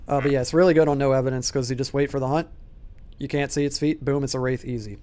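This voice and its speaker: A man's voice: mid-range voice, steady tone, quick pace, mellow. A young man streaming a game late at night, talking casually to his chat while he plays and often laughing. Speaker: gaming streamer. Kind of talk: live-streamed gameplay commentary.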